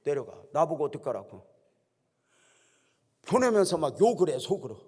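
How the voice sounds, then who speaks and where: A man's voice: on the high side, very animated, normal speed, a little mellow, breathy edge. A pastor in his sixties preaching a folksy, joking sermon and quizzing his congregation, in a church hall with long reverb. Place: church sanctuary.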